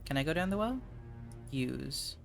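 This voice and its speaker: A streamer talks through a game at an unhurried pace, chatty and quick to exclaim at finds. The pitch sits mid-range. Faint game music plays underneath. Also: animated, vocal fry. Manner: chatty, exclaims at discoveries, greets viewers. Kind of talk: casual game commentary.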